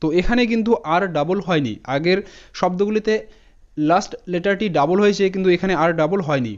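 A man teaching an English spelling lesson, spelling words out letter by letter in a steady explaining manner. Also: sits high, quick pace. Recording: dull lo-fi audio.

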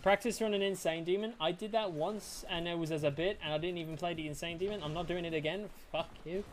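A game streamer chatting casually to viewers and a friend while playing, excitable and boastful, swearing freely. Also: mid-range voice, fast, soft background music. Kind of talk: casual live-stream chat while gaming.

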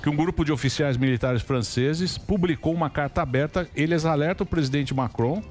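A man's voice: fairly high pitch, fairly quick, darkish tone, soft background music. Casual, slangy male talk show host. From Brazil. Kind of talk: casual studio chat.

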